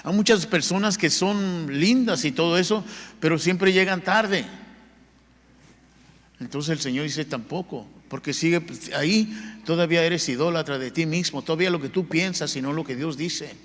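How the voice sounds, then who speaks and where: A man's voice: fairly high pitch, normal speed, fairly bright tone. A man preaching a sermon as pastor, telling his own testimony in an earnest, conversational way. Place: church sanctuary. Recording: long church hall reverb.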